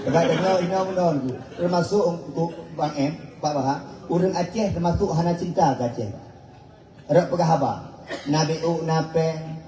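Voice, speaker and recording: A high-pitched man with an Acehnese accent delivers a joking, chatty sermon to a crowd. He is picked up from a distance in a large, echoing hall. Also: dark tone. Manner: joking, chatty, teasing the audience. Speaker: preacher. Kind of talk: humorous Islamic sermon. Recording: echoey, distant mic.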